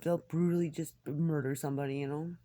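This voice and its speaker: A woman in a rambling, confessional personal monologue, halting and candid, with a husky, gravelly voice that often drops toward a whisper. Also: deep voice, steady tone, dark tone. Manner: halting, hesitant, candid, swearing.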